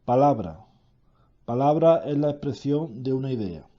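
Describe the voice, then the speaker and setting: Guy reading grammar notes real slow, fixes his slips, muffled low-fi sound. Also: expressive. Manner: slow, deliberate reading with self-corrections. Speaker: teacher reading a grammar lesson. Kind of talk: reading a grammar lesson aloud.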